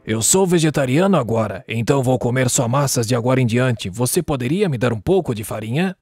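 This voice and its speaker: A woman voicing a sly, greedy male wolf with a rough growling voice in a cartoon story. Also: rumbling low, lively intonation, a little fast, darkish tone, faint music behind, pitched below the performer's own voice. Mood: gruff, scheming. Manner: menacing, tricky.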